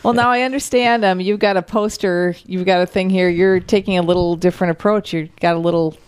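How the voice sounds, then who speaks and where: A woman's voice: lowish voice, fairly even intonation, fairly quick, smooth, dry recording. Wry, chatty female radio host. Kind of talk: radio interview.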